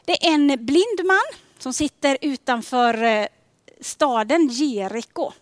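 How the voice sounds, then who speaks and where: A woman giving a sermon in a gentle, conversational way, often dropping to a soft near-whisper on key questions. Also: sits high, expressive, no room sound, studio quality. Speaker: preacher.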